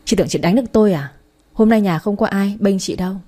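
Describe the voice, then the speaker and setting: A woman's voice: medium pitch, fast talker, mellow, close to an everyday voice. A woman voicing a scheming young woman who whines and pleads. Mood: defiant. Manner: whining, pleading.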